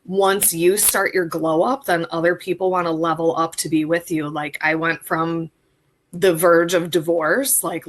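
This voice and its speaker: Chatty woman telling her story. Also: sits low. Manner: chatty, animated storyteller, squeals when quoting herself. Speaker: coaching client. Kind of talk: casual storytelling interview.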